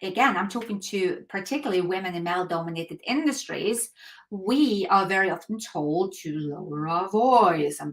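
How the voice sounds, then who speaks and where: A woman with a medium-pitched, fairly bright voice runs a live coaching call, and the recording is rough. She gives earnest, emphatic motivational talk peppered with rhetorical questions and clears her throat often.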